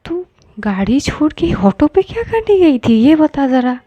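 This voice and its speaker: A woman voicing a teasing, giggly young woman flatmate in a spoken romance story. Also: high voice, measured pace, no room sound, dull audio, pitched above the performer's own voice.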